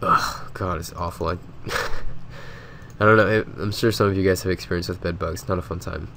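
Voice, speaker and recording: A man's voice: sits low, steady tone, normal speed, sharp tone, a little hiss or hum. A man with a stuffy, sick nose, casually rambling through a game commentary voice-over with lots of filler words. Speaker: gaming video host.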